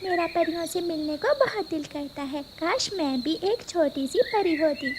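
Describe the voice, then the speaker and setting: A woman plays a dreamy little girl bird in a cartoon, soft and wistful. Her voice is high and quiet. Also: lively intonation, unhurried, noisy background.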